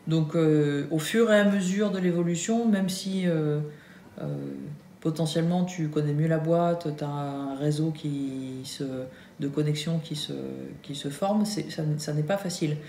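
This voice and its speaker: A French woman in her thirties, a Nike employee living in the US, chats casually in a vlog about her job, hesitating often with many fillers and false starts. Her voice is low, warm and a little slow, recorded in an echoey room with a faint hum.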